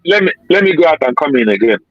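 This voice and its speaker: A man calling in to a live stream, speaking earnestly and haltingly while his call audio cuts in and out over a bad connection. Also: a little high, sing-song, dry recording. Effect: call audio cutting in and out over a bad connection. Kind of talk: speaking as a caller to a broadcast. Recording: dull, dry, lo-fi call line.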